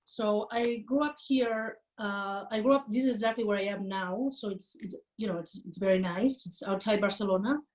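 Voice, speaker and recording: Woman on a distant video call. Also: medium pitch. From Catalonia, Spain. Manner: warm, halting, with frequent fillers and repeats. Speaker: guest academic. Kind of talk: casual interview talk on a video call. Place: home in a rural area outside Barcelona, window open.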